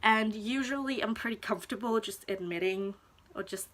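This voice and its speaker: A young woman from Denmark, talking in a personal vlog, hesitant and reflective, pausing often to search for words. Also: medium pitch, fairly bright tone. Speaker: vlogger. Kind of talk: personal confessional vlog talk.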